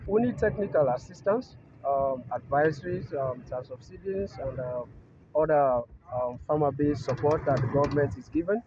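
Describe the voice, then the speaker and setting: A man's voice: fairly high pitch, normal speed, muffled recording, background noise. Hesitant man interviewed in a field. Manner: hesitant, many ums, plain explanatory. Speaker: farm company CEO. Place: open rice field outdoors.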